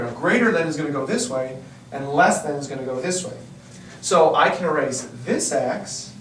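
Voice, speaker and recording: Chatty math teacher with a roomy echo. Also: male voice, fairly high pitch. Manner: chatty, self-correcting, lots of "uh" and "you know". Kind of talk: explaining a math lesson. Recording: roomy echo, distant mic, faint hiss.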